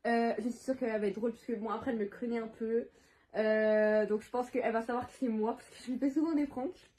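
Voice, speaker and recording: A teenage girl chatting excitedly in a casual prank-call vlog. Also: fairly high pitch, a little hiss or hum. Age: teens. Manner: chatty, excitable, quick to laugh. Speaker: vlogger.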